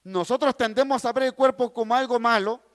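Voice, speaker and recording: A man's voice: very high-pitched, fairly quick, fairly bright tone, big-room sound. A man teaching a Bible class, reading scripture aloud and explaining it with repeated, emphatic phrases while addressing the listeners directly.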